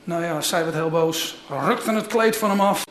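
A man's voice: fairly high pitch, moderate pace, a bit bright, slight background noise. Guy preaching, reads the bible story then talks it through casually, lots of echo like a church. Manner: conversational retelling, thinking aloud with asides. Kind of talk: sermon with Bible reading. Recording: roomy echo.

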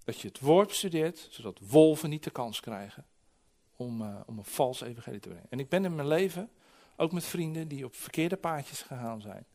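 A man in his forties preaching a sermon, telling stories lively and acting out voices, often restarting his words. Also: mid-range voice, moderate pace. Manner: lively storytelling with acted-out voices; frequent restarts and repeated words.

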